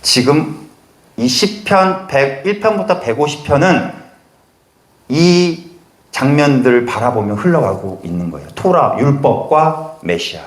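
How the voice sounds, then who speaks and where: A man's voice: medium pitch, animated, measured pace, echoey room. A man preaching a sermon as pastor, addressing the congregation directly and acting out quoted voices.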